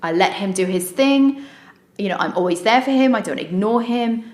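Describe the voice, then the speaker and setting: A woman's voice: medium pitch, lively intonation, normal speed, echoey room. A woman co-hosting a podcast, chatting directly and addressing listeners. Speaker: podcast co-host. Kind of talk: casual podcast chat.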